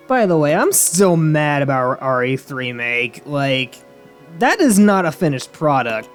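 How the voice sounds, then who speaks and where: An animated voice of indeterminate sex and middling pitch, doing casual let's-play commentary. The delivery is sarcastic, joking and foul-mouthed, with faint music behind it. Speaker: host playing a video game.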